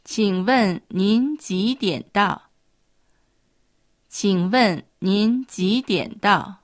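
A woman co-teaching a language lesson, pronouncing model phrases slowly and carefully. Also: medium pitch, no echo, studio quality. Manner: slow, careful model pronunciation.

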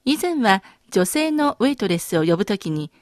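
A woman instructor on a radio language lesson, calmly explaining and modeling words. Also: mid-range voice, normal speed, dry recording, clean studio sound. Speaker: native-speaker language instructor.

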